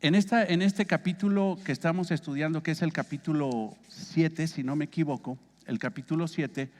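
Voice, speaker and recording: A man's voice: a little high, normal speed, big-room sound. A man with a Mexican accent teaching a Bible study as pastor, conversational and asking his listeners questions. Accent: Mexican Spanish. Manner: conversational, asks the congregation questions.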